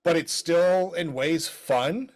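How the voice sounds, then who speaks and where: This middle-aged Maryland man co-hosts a podcast, chatting casually and tossing in jokey, rambling asides. His voice sits a little high, and he takes his time.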